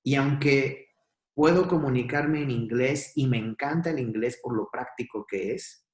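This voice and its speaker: A man speaking as a guest, trainer of companies and their teams, who tells anecdotes with reflection and emphasis. His voice sounds in a noticeably reverberant room, with a middle pitch. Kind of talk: casual podcast conversation.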